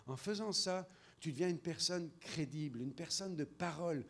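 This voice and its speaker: A man's voice: on the high side, moderate pace, fairly bright tone. A man from France with a French accent, giving an interactive sermon-style talk and calling on audience members by name. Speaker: speaker at a church seminar.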